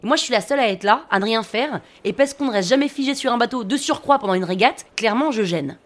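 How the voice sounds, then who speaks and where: A woman's voice: a little high, animated, fast. A woman narrating a scripted comic podcast story about herself, wry and self-mocking.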